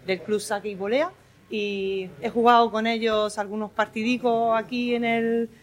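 A woman's voice: a little high, flat delivery, moderate pace. A woman from Italy with an Italian accent, a tennis league player answering interview questions in a cheerful, chatty way. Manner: cheerful, chatty, laughs often.

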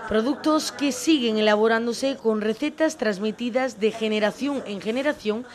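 A woman reporter narrating a scripted local news piece in a measured, smooth way. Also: fairly high pitch.

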